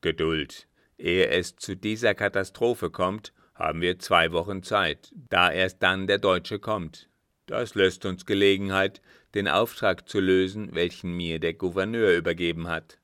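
A man voicing a cold, calculating former guard captain in an audiobook, speaking louder and more forcefully than in his narration. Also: low-pitched, steady tone, a little slow, clean tone, no room sound, clean studio sound. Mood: scheming. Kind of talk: audiobook reading.

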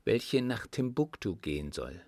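A man's voice: lowish voice, very animated, unhurried, darkish tone, no echo, clean studio sound. A man reading a wry young officer. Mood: calm teasing. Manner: ironic, teasing. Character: young male officer, dryly joking adventurer. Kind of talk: audiobook dialogue reading.

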